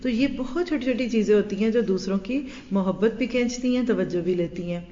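A woman teaching a religious hadith class. She speaks in an animated way, acts out everyday dialogue and mixes English words into her talk. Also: medium pitch. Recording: echoey hall, dull lo-fi sound.

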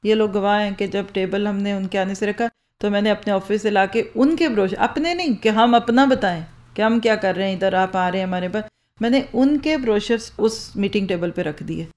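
A woman's voice: mid-range voice, normal speed, darkish tone. A woman giving a lecture on speaking skills into a microphone in a hall with an audience. She poses rhetorical questions and answers them herself. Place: lecture hall with rows of listeners. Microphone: handheld or stand microphone.

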